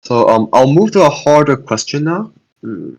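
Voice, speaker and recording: A young man with a husky, slightly rough voice tutors physics over a video call. He talks casually and hesitantly, restarting and repeating bits of sentences as he answers questions from chat. He speaks at a middle pitch, into a computer mic at home. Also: very animated, normal speed, rough recording. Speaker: student tutor hosting a revision session.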